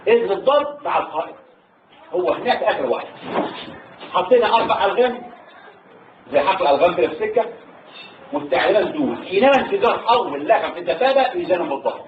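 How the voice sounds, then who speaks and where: Older Egyptian veteran, Egyptian accent, high fast voice, emotional storyteller, tinny far-off hall recording. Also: male voice, slight background noise. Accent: Egyptian Arabic. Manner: animated, rising into high pitch when moved, halting restarts. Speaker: war veteran guest. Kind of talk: emotional storytelling to a salon audience. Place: hall at a literary salon.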